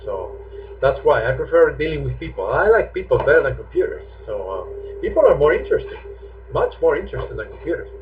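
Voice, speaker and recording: A man in his 50s, an English teacher, answers students' questions during a live online class in a chatty, joking way. His voice is fairly high, with big pitch swings and a slightly quick pace. The stream audio is tinny and phone-like, with a little background noise.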